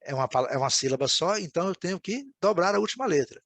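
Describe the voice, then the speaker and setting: A man's voice: sits high, big pitch swings, quick pace, a bit bright, no room sound. Man teaching English in a dry room. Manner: explanatory, repeats words and checks with "né, gente?". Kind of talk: recorded video lesson.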